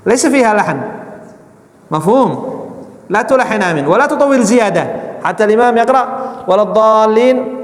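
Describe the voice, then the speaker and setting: A man's voice: high voice, animated, fast talker, long pauses. A man teaching a mosque class, often checking that his listeners understand and demonstrating chants aloud. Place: large mosque hall. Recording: echoey hall, long reverb.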